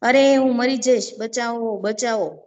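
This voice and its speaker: A woman's voice: a little high, unhurried, a little mellow, lightly acted. A woman voicing a playful, teasing little female ant in a children's story, giggling as she talks. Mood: panicked. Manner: giggly, teasing, cries for help when falling.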